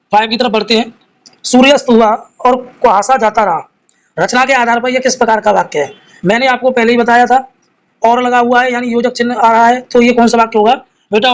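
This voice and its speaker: High-voiced man teaching grammar. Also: poor audio. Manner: reads each question and options aloud, then explains the answer; addresses students fondly as children. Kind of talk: live exam-prep class solving quiz questions.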